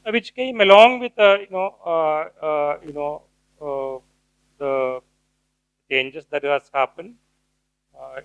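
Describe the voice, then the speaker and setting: A middle-aged man giving an academic lecture, pausing often with fillers and restarts. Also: mid-range voice, a bit bright, clear, resonant tone, no echo, muffled recording. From India. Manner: hesitant, many fillers and restarts. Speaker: guest speaker, cultural theorist.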